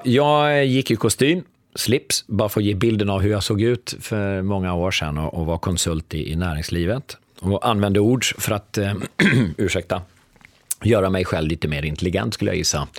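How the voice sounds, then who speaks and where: A middle-aged man telling a long anecdote in a relaxed chat, acting out the lines of the people in it. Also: fairly low pitch, no echo, studio quality. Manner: animated anecdote teller acting out dialogue. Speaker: podcast guest. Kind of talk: storytelling in casual conversation.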